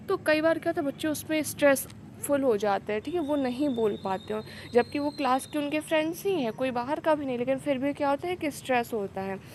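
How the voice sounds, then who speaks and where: A woman with a somewhat high voice lectures on teaching methods, mixing English terms into her explanations. She keeps checking in with her listeners as she goes. A faint background noise sits under the recording. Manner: explains in Hindi mixed with English terms, frequent "ठीक है" check-ins. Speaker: teacher exam coach. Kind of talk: pedagogy lecture.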